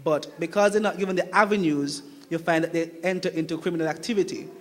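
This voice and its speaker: A young man with a Kittitian accent speaks off the cuff at a public meeting in a reverberant hall. His voice sits a little high, and he talks conversationally, repeating phrases to drive his points home. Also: steady tone, quick pace. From Saint Kitts. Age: young adult. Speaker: returning student speaking at a town hall meeting. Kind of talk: impromptu public speech, personal testimony. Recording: reverberant hall with long echo.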